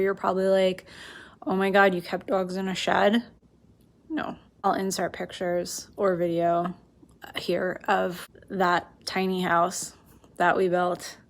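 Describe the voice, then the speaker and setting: Female vlogger, mid-range voice, unhurried pace, informal rambling asides to her viewers. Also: medium pitch. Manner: rambling, informal, self-interrupting. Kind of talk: casual explanatory vlog chat.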